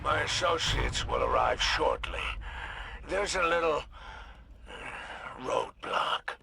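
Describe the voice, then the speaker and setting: A man voicing a sly, courteous alien crime boss in a video game, slow and drawn-out with laboured breath. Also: on the high side, huge pitch swings, vocal fry, pushed and bright, soft background music, exaggerated voice. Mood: sly, languid. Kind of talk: video game radio dialogue.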